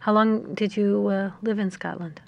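A woman's voice: medium pitch, fairly even intonation, gravelly. Midwestern American woman hosting a radio show. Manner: warm, halting, with many fillers. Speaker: radio host. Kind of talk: radio interview.

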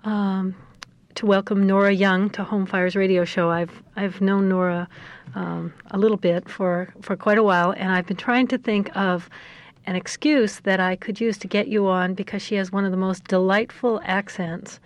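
A woman with a Midwestern American accent hosting a radio interview, asking questions in a halting way with many fillers. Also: medium pitch, level tone, no room sound. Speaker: radio host.

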